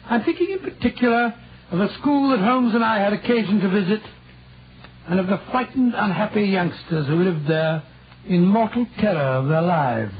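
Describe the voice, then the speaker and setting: An actor playing a genial, easily shocked older British doctor, blustering and avuncular, in 1940s radio style. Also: male voice, high voice, expressive, moderate pace, breathy edge. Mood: reminiscing. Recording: muffled, hissy old radio recording.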